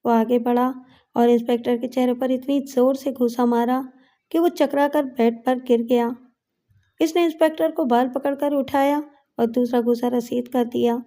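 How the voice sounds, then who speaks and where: A woman narrating a dramatic first-person story with an expressive reading. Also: on the high side. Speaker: narrator and voice-over artist.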